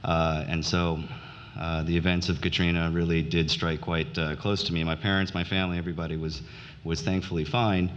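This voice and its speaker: Middle-aged guy giving a speech, lots of uhs, deep flat voice, dull echoey hall sound. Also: a little fast. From United States (grew up in New Orleans). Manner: hesitant, many "uh" fillers and restarts. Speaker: conference speaker. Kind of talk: conference speech. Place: conference hall.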